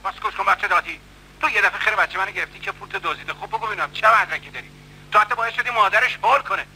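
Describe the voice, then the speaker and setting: A man's voice: high voice, bright, forceful tone, slight background noise, full character voice, rough recording. A man dubbing a swaggering, bullying middle-aged café loafer who mocks and threatens in a film. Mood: smooth menace. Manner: blustering, mocking, threatening. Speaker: dub actor. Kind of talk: dubbed film acting.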